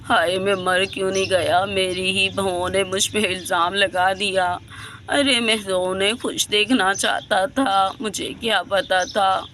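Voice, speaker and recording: A woman's voice: medium pitch, steady tone, unhurried, a bit bright, slight background noise, lightly acted. A woman voicing a heartbroken old man who was thrown out by his sons, lamenting his fate and weeping. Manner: sobbing, lamenting.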